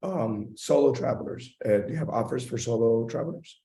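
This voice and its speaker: A man's voice: mid-range voice, fairly quick, dark tone, distant mic, slight background noise. A man hosting a question-and-answer session, his voice giving out. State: losing his voice. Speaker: webinar host. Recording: roomy, echoing sound.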